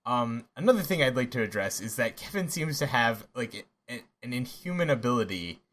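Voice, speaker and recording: A man co-hosting a podcast in casual chat, talking haltingly with many restarts and laughs. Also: mid-range voice, big pitch swings, a bit bright. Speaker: podcast co-host.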